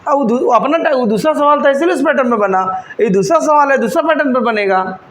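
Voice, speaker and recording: A male coaching-class teacher teaching math to a live class. He quizzes his students constantly, scolds and teases them, and slows down to spell out each step. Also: very high-pitched. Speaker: teacher for government exam coaching.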